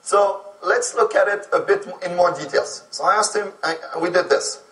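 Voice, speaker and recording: In an echoey room, a native French speaker from France lectures an audience on immigrant employment, often pausing to ask "okay?" as he explains. His high-pitched, slightly bright voice moves at normal speed and is captured well away from the microphone.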